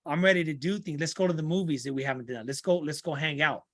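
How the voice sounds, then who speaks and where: An earnest middle-aged man talks through his life story as a podcast guest. His voice sits a bit high, and the dry, close recording has no room sound. He restarts and repeats phrases as he finds his words. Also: quick pace, a bit bright, no room sound. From Santa Ana, California. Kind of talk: podcast interview conversation.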